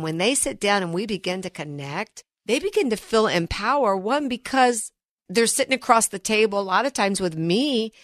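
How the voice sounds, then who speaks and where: A woman's voice: medium pitch, fairly bright tone, no echo, studio quality. A woman financial advisor hosting a radio talk show, telling stories in an earnest, chatty way. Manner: earnest, storytelling, repeats words on restarts.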